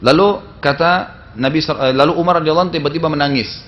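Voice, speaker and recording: A man's voice: a little high, fast talker, fairly bright tone, lo-fi sound. A man giving a religious sermon, telling stories in a loose conversational way and often tagging his sentences with small fillers. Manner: conversational storytelling with frequent tag fillers. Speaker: Islamic preacher. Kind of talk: sermon lecture.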